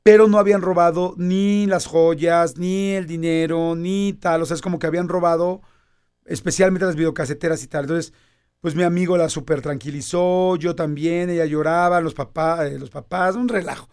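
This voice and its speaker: A Mexican man in his fifties telling a personal story in casual conversation, animated and acting out quoted dialogue. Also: a little high, normal speed, clear, resonant tone.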